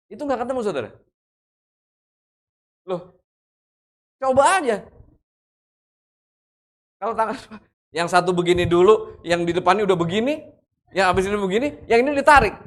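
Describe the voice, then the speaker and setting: A man preaching a sermon in a casual, conversational way. He often calls the congregation "brothers and sisters" and asks them to say amen. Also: high voice. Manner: acts out shouting examples for contrast. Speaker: pastor.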